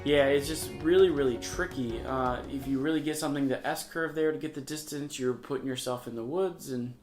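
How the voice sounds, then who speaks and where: A man's voice: medium pitch, fairly quick, a little mellow, soft background music. A man giving casual, upbeat play-by-play commentary on a disc golf round, recorded outdoors on the course. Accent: Michigan. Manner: chatty, upbeat play-by-play with fillers.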